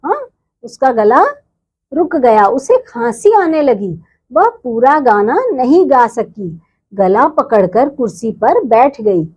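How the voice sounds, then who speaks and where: A woman's voice: sits high, a little mellow, slightly rough. A woman teacher reading a storybook lesson to young children, explaining and repeating words for them.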